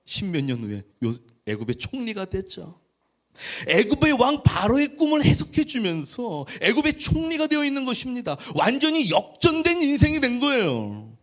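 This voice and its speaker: A male pastor preaching in a high, lively voice. He tells the story with animated storytelling and keeps asking the congregation rhetorical questions. His pitch swings widely as he goes. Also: moderate pace. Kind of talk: sermon.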